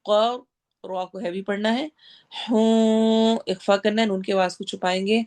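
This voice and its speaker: A woman's voice: medium pitch, fairly even intonation, a little mellow. A woman teaching recitation rules in an online class, firmly correcting and explaining each sound step by step. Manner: breaks verses into syllables and explains each rule in turn.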